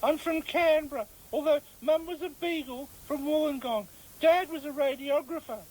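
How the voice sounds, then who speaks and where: A performer voicing a chatty, self-important male dog in a radio comedy sketch, in a squeaky put-on voice. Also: moderate pace, a little mellow, lightly acted, rough recording.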